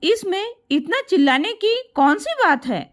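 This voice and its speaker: A woman's voice: extremely high pitch, big pitch swings, a little slow, full character voice. A woman voicing a patient, earnest grown son who reasons and pleads. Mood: reasoning.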